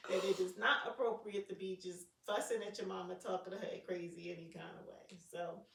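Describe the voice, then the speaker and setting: A woman's voice: medium pitch, flat delivery, fairly quick, vocal fry, a bit bright. A middle-aged woman co-hosting a podcast about parenting grown children, chatting casually with sarcastic asides and loose slang. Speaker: podcast co-host. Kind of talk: casual chat. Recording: echoey room, mic at a distance.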